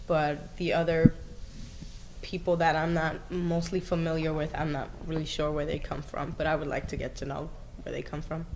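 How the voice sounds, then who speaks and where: A young woman answers casually and a little hesitantly. Her voice sits low for a woman, and clear noise runs under the recording. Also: level tone, moderate pace. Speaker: student. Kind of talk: interview answers. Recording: noisy background.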